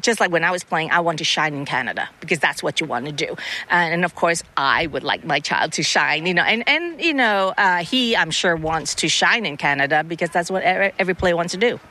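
A middle-aged woman from Hong Kong speaks as a tennis coach in a radio interview. Her voice has a bright, ringing tone. She talks in halting bursts with frequent fillers and restarts. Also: on the low side.

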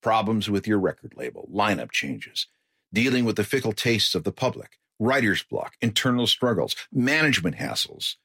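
A man narrates a music history show in a conversational, wry tone. His voice is a bit low and husky, moving freely in pitch. The sound is dry and close. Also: very animated, moderate pace, bright, forceful tone, no room sound. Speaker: radio host. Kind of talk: scripted radio narration.

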